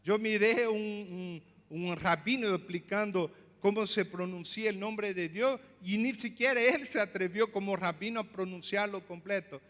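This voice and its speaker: A male pastor preaching a sermon, explaining slowly, repeating words and asking the congregation questions. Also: high voice, a bit bright, long reverb tail. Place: church.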